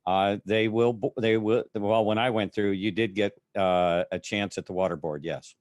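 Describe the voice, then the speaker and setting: A man who is a military veteran, recounting his experiences haltingly with many fillers as an interview guest. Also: lowish voice, fairly even intonation, darkish tone, no room sound, studio quality. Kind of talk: casual interview storytelling.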